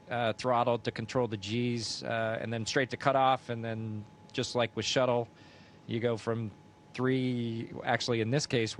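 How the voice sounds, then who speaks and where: A man speaking as an astronaut, recounting things matter-of-factly and haltingly in an unscripted way. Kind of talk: unscripted recounting in a live downlink event. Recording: space downlink with faint rumbling noise.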